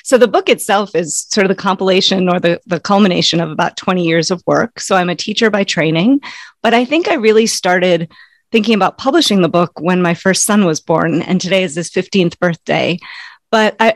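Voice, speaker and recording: A woman's voice: fairly low pitch, no echo. Thoughtful woman author in her forties. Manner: thoughtful, measured, occasional soft laughs. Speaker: author and educator guest. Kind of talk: reflective interview answers.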